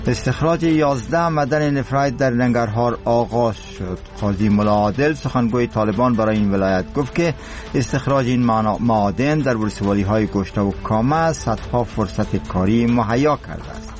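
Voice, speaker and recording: A man's voice: mid-range voice, a little mellow. A man with an Afghan accent reading scripted radio news in a solemn, formal manner. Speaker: radio newsreader.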